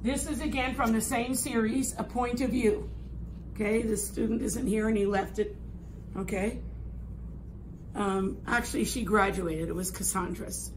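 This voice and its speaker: A woman in her sixties with a hoarse, raspy voice that thins toward a whisper at times, teaching an art lesson in an instructive, emphatic way. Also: a little high, fairly even intonation, measured pace. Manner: instructive, emphatic, checks understanding with "okay?". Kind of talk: classroom lesson, explaining an assignment. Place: classroom art room, indoors. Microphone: camera a few metres away. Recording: clear room noise.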